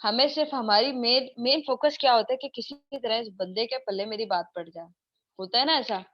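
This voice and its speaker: A Pakistani-accented woman lectures in a chatty way and keeps asking her students questions. Her voice sits a little high. The recording sounds dull and lo-fi. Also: a little fast. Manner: chatty, asks the class questions. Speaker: English teacher. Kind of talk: informal online class lecture.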